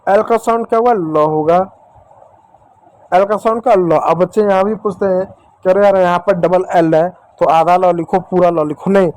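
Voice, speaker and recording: A man with a fairly high voice and a Hindi accent teaches children to read English. He asks a question and answers it himself, and he spells out each letter slowly and deliberately. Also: fairly even intonation, a little mellow, no room sound, rough recording. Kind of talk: explaining phonics on a board.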